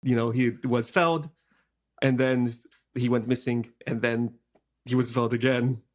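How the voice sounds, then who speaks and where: A man's voice: medium pitch, steady tone, normal speed. A man chatting and improvising casually as a player in a tabletop role-playing game.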